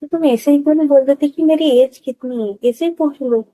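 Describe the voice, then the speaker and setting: A woman voicing an easygoing, teasing woman of thirty, with a hoarse throat. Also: high-pitched, a little fast, warm tone, dry recording, voice pushed up, natural voice, rough recording. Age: 30s.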